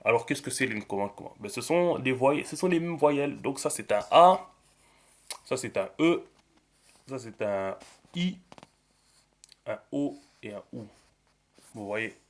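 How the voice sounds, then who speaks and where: A man explaining a writing system in a relaxed screen tutorial, thinking aloud with many fillers. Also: mid-range voice, unhurried, long pauses. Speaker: teacher.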